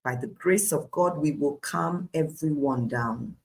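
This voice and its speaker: A woman with a Nigerian accent and a slightly low voice leads a devotional Bible study. She speaks in firm declarations and repeats key phrases for emphasis. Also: unhurried, a little mellow, a little hiss or hum. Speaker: preacher, Bible study host.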